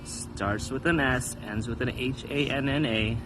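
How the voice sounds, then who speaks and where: A man's voice: mid-range voice, unhurried, over music, low-quality recording. Joking man giving casual wishes. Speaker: friend giving well-wishes. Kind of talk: casual heartfelt message.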